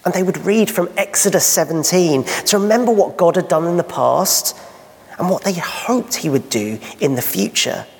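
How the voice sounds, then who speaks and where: A man's voice: high voice, lively intonation, normal speed, creaky. A man preaching a sermon in church, asking rhetorical questions and painting vivid scenes. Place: church hall. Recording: long hall reverb.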